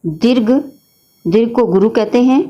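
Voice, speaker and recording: A woman's voice: on the high side, a little slow, dark tone, highs cut off. A woman teacher explaining a grammar lesson patiently, often addressing her students as children. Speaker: Hindi teacher.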